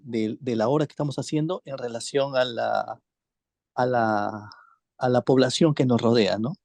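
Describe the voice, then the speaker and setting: A man joining a webinar by video call, speaking hesitantly with many pauses as he asks a question. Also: medium pitch, creaky, mellow, no echo. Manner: hesitant, many fillers and restarts. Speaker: webinar attendee asking questions.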